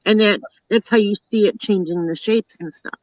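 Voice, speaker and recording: A woman's voice: medium pitch, moderate pace, no room sound, muffled recording. A woman hosting a live online talk show, chatting casually and rambling with lots of "you know" and "like". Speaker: host.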